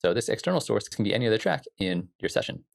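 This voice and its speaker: A music production instructor gives a casual software tutorial, explaining things informally. His voice is on the low side with vocal fry, and he talks fast with big swings in pitch.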